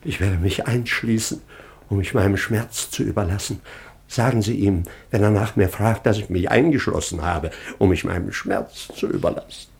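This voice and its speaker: A man's voice: lowish voice, moderate pace, gravelly, husky, heavily acted. An actor playing a fussy, self-pitying aging nobleman in a studio radio drama, with theatrical outbursts.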